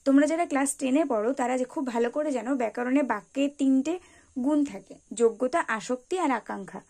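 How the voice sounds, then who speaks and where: A woman's voice: high voice, brisk, warm tone. A woman teaching an English lesson for beginners, carefully spelling out example words one by one. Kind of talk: explanatory tutorial lesson.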